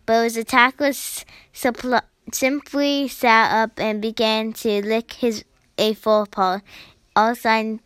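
A woman's voice: a little high, fairly bright tone, no room sound. A woman reading a novel aloud, often stumbling and restarting words, adding jokey side comments. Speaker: reader.

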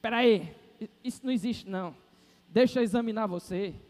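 Incredulous male doctor, curt and high-pitched, as a preacher puts him on, reverberant hall. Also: a little fast, darkish tone, natural voice. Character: skeptical male doctor, brusque and startled. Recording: reverberant hall, faint music.

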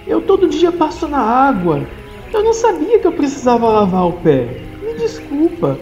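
A woman's voice: high voice, wildly swooping pitch, normal speed, a little mellow, soft background music, pitched above the performer's own voice. A woman voicing a meek, bewildered male frog who talks in an apologetic, whiny way. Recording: roomy, dull lo-fi sound.

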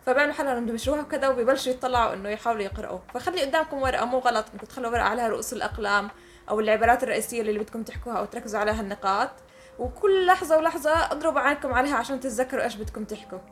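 Very fast-talking woman with a Levantine accent. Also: fairly high pitch, animated, a little hiss or hum. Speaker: podcast co-host. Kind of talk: casual explanatory chat.

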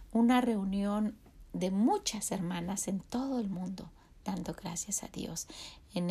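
A woman hosting a devotional talk for women, earnest and encouraging, often dropping to a soft whisper for emphasis. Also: mid-range voice, creaky, breathy edge. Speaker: women's ministry podcast host.

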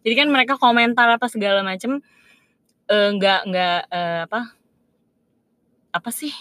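A woman's voice: medium pitch, normal speed, no echo. A young woman from Indonesia chatting casually, often agreeing and telling a travel story. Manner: relaxed, agreeable, many affirmations. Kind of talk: casual chat.

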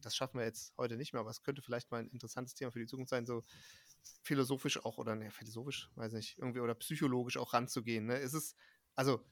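A man's voice: mid-range voice, fairly bright tone, no room sound, studio quality. A man hosting a gaming podcast in casual chat, thinking aloud with many fillers and restarts. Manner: rambling, hesitant, many fillers. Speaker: podcast host.

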